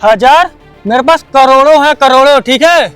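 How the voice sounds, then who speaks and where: Brief: man, unusually high voice, firm and indignant, faint music behind. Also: normal speed, fairly bright tone. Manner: polite but firm, indignant. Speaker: scrap dealer hiding his wealth in a short film. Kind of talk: scripted dramatic acting.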